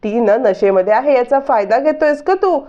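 A woman's voice: on the high side, lively intonation, moderate pace, warm tone, lightly acted. Woman narrator reads a blunt, accusing male bystander; lo-fi. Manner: accusing, confrontational. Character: suspicious male bystander, confrontational.

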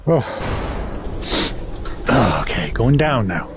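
Scared horror game streamer, slow-paced man. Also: medium pitch, sing-song, lo-fi sound, background noise. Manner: scared, jumpy, swearing. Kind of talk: live gameplay commentary in a horror game. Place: small indoor room, wearing a VR headset. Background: horror game music and sounds.

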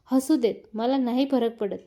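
A woman's voice: a little high, moderate pace, mellow, lightly acted. A woman reading as a worried young husband.

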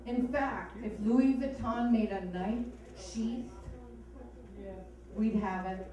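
A woman stand-up comic from Hawaii, delivering sardonic and bawdy material at an unhurried pace. Her voice is mellow and a bit high. The sound comes from a distance in a very echoey club. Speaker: stand-up comedian. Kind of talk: stand-up comedy set. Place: comedy club stage.

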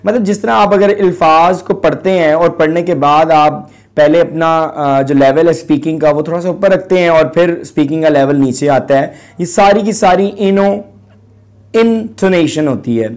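A man gives an English lesson at a slow, unhurried pace. His voice sits somewhat high for a man. He reads the English terms with drawn-out emphasis and explains them deliberately. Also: a little mellow. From Pakistan. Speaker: English teacher. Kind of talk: recorded classroom lesson.

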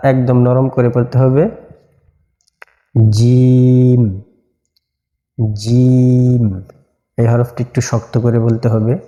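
A man teaching Quran letter pronunciation as a lesson, repeating each letter slowly and drawn out. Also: medium pitch, little pitch movement, dark tone, echoey room, lo-fi sound. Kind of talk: slow recitation lesson.

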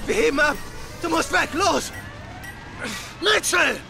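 An actor playing a determined male soldier in desperate battle, in a shouted video game performance. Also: very high-pitched, expressive, takes it slowly, creaky, music in the background, full character voice. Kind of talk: shouted military game acting.

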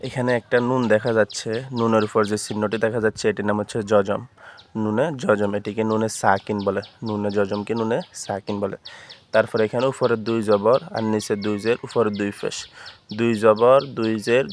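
A man gives a patient, step-by-step recitation lesson, naming each letter and vowel mark before he chants the syllable. His voice sits low and stays level, with little rise or fall. Faint background noise and birdsong run under the recording. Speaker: Quran reading teacher.

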